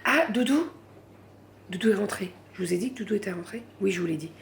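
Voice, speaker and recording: A woman's voice: medium pitch, very fast, gravelly, darkish tone, slight background noise. A woman vlogging late at night from home, chatting casually and rambling, saying voilà at the end of her sentences.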